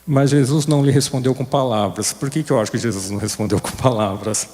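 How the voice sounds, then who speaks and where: A man giving a conversational sermon to a recovery group, often turning to his listeners with questions. His pitch sits in the ordinary male middle. The long reverb of a church hall trails after his words. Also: fast, darkish tone. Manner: conversational, asks the audience questions.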